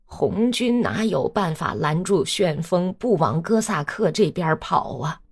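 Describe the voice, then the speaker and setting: A woman's voice: on the low side, lively intonation, a little slow, creaky, slightly rough, soft background music. A woman reading a novel aloud as an audiobook, telling the story expressively. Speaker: audiobook reader.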